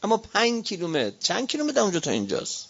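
A man with a Qom Persian accent delivers a fiery sermon, building to shouted rhetorical questions. His voice sits high and sounds bright and sharp. The recording is dull and lo-fi. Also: wildly swooping pitch, gravelly, husky. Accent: Iranian Persian, Qom. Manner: impassioned, shouting rhetorical appeals. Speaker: cleric preacher.

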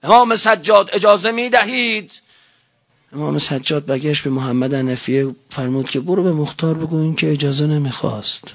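A man preaching a religious sermon, moving between soft, low talk and loud shouted cries. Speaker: cleric preacher. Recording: dull lo-fi recording.

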